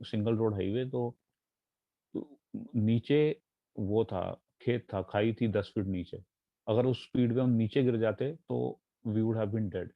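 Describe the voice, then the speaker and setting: Young male devotee, earnest and halting, dry close sound. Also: fairly low pitch, dry recording. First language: not Punjabi. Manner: earnest, halting storytelling with fillers and English phrases. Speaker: devotee sharing testimony. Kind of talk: personal testimony. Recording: tinny phone-like sound.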